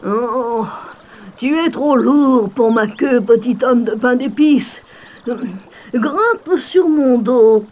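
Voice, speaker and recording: A man voicing a sly, cunning male fox in a storybook, coaxing slowly. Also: very high-pitched, phone-quality sound, voice pushed up, heavily acted. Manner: slow, drawn-out, cajoling. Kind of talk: storybook narration.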